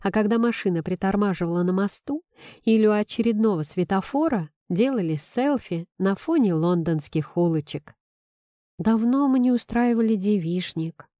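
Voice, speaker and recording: A woman reading a first-person novel aloud in a measured, expressive storytelling manner. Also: medium pitch, no echo, clean studio sound. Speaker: audiobook narrator.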